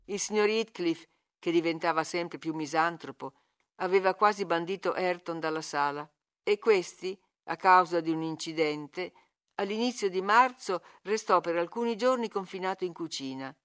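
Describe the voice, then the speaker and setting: A woman narrating a classic novel aloud in a measured, calm storytelling voice. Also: on the low side. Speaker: audiobook narrator. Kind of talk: literary audiobook reading.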